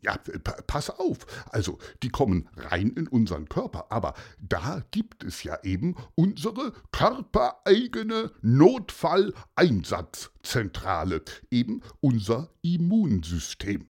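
A man doing an eager, husky explainer. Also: mid-range voice, huge pitch swings, slow, few pauses, a little mellow, full character voice. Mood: excited. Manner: enthusiastic, explaining. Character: eager grown-up friend explaining the body. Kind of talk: children's story reading.

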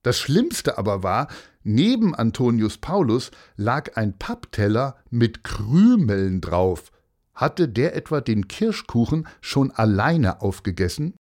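A man reading a children's story aloud in an expressive storytelling manner. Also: mid-range voice, slow. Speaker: narrator.

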